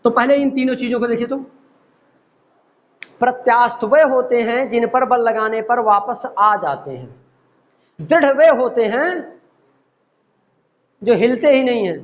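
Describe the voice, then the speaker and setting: A man's voice: extremely high pitch, measured pace, pauses often. A man teaching a physics class, explaining with everyday examples and often asking the students whether they follow. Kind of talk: classroom lecture. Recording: dull lo-fi classroom recording.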